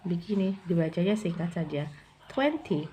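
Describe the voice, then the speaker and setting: A woman teaching English to mothers in a casual, patient way, slowly repeating words for practice. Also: fairly low pitch, dark tone, slight background noise. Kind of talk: casual classroom explanation.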